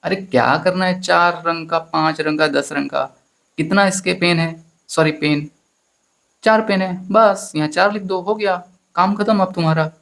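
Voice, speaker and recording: A man's voice: high voice, steady tone, unhurried, gravelly, a bit bright. A man teaching a maths lesson in Hindi with an Indian accent, explaining step by step and often addressing his students as friends. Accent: Hindi-speaking Indian.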